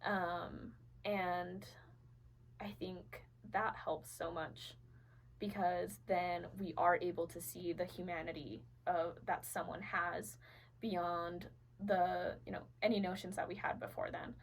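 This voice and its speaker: A woman's voice: on the low side, flat delivery, takes it slowly, breathy edge, rough recording. A young adult woman from Venezuela, a podcast guest, telling her personal story earnestly with many fillers and restarts.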